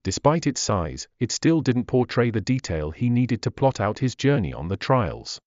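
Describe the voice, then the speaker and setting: A man narrating a fantasy audiobook in a measured, expressive reading. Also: medium pitch, no echo. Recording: dull dry recording.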